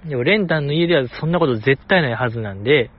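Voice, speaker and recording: A man's voice: medium pitch, lively intonation, quick pace, dull audio. A man with a Kansai accent hosting a radio show, talking casually in a chatty, jokey way with teasing asides. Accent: Kansai Japanese. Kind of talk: casual solo radio talk.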